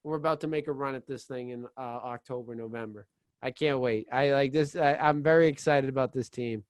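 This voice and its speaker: A man co-hosting a casual sports podcast, excitable, rambling and full of "like" and restarts. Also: medium pitch, a little fast, no echo. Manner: excitable, laughs easily. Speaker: podcast co-host.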